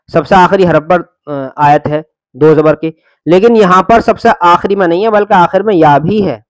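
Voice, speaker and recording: A man teaching Quran reading, spelling out letters and vowel marks slowly and patiently, then blending them into words and correcting common student mistakes. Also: a little high, no echo. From India. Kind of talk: slow syllable-by-syllable Quran reading lesson.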